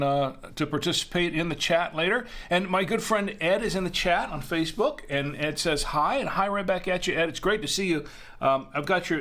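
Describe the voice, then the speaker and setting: This middle-aged Floridian has a slightly high, somewhat bright voice as he hosts a casual wine-review livestream. He's chatty and folksy, reading out viewer comments, and he often trails off and starts over.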